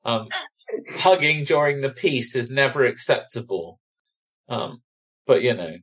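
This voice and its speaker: A man's voice: medium pitch, animated, a little slow, a bit bright, slightly rough, rough recording. A man with a Bristolian accent, chatting casually and teasingly as a podcast host.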